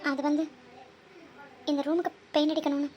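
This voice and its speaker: A woman's voice: high voice, level tone, fairly quick, mellow, natural voice. A woman voicing a troubled young medical student who hesitates and dodges her mother's questions. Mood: evasive. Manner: evasive, hesitant, deflecting. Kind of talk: cartoon voice acting.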